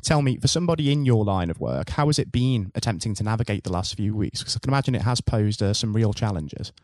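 A podcast host opens with a scripted introduction in a polished, formal presenter style, then moves on to interview questions. His lowish voice is expressive, fast and a little mellow. The recording is studio quality with no room sound.

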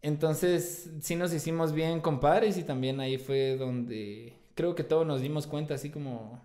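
A man's voice: a little high, a little slow, warm tone. A young man with a Guatemalan accent, a band singer and guitarist, telling a story in casual slang, full of tag questions and swearing. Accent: Guatemalan Spanish. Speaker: band vocalist and guitarist, guest.

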